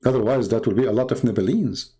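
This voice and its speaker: This religious apologist and live show host talks fast, his medium-pitched voice warm yet slightly rough. He is Middle Eastern, a native Arabic speaker with an Arabic accent, and keeps the stream casual while mocking sarcastically and repeating phrases for effect.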